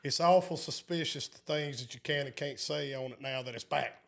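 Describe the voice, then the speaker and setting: A man's voice: medium pitch, normal speed, vocal fry. A man with a Southern accent, making dry wisecracks in a casual chat.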